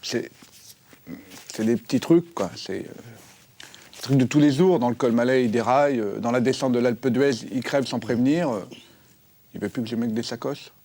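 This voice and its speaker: An actor playing a mopey man heartbroken that his bicycle left him, speaking in hesitant, halting bits. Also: mid-range voice, mellow, natural voice. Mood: forlorn. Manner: hesitant, full of sighs and halting restarts. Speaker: talk show guest. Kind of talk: sketch comedy acting.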